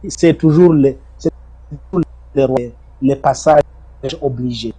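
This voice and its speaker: A man's voice: mid-range voice, takes it slowly, dark tone, slightly rough. A middle-aged man from Congo, giving emphatic testimony in an interview and often repeating his words. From Congo (DRC). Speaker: interview guest, former detainee.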